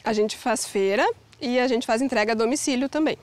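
A woman in her thirties, an organic farmer, calmly explaining her work in an outdoor interview. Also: on the high side, brisk. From Brazil. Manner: calm, plain, explanatory. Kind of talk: interview answers. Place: outdoors on a farm.

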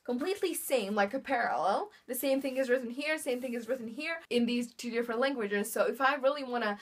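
A young woman with a Bosnian accent, a book vlogger, chats cheerfully about her new books in front of the bookshelves at home, her fairly high voice moving briskly. She's upbeat and chatty, full of fillers and lots of "really." The camera in front of her picks her up.

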